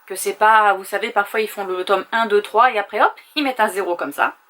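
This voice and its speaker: A woman's voice: medium pitch, brisk, a bit bright. A woman vlogger chatting casually at home, thinking aloud with small hesitations as she goes. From France. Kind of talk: casual chat.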